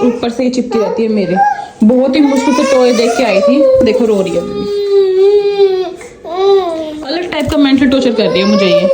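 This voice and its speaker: A young woman, a mother, vlogging casually around her home, chatting and venting, and slipping into high sing-song baby talk with her daughter. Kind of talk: casual daily vlog.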